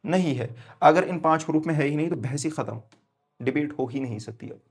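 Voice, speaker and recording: A man's voice: on the high side, slightly rough. Man drilling Arabic letters in a lesson. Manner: asks questions and answers them himself, drills letters slowly; switches between quiet explaining and loud emphatic stress. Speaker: tajweed teacher. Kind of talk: classroom-style lesson at a board.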